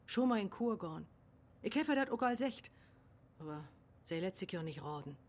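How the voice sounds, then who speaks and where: Actress as a chatty North German shopkeeper. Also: female voice, medium pitch, expressive, normal speed, close to an everyday voice.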